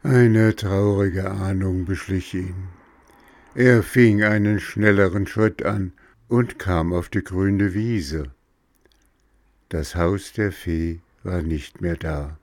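A man narrating a children's fairy tale as an audiobook, measured and expressive. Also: sits low, no room sound. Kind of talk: storybook audiobook reading.

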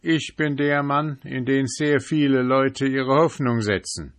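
A man's voice: mid-range voice, a little slow, no room sound, pitched above the performer's own voice, close to an everyday voice. A man voicing January, a hearty, boastful merchant in furs, in a storybook reading. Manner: proud, boastful. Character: hearty fur-clad male merchant January.

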